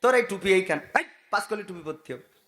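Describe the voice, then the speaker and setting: A male preacher voicing a watchful guard dog that barks at a stranger and then begs forgiveness in a shrill, yelping voice. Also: expressive, quick pace, a bit bright, echoey room. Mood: bossy barking.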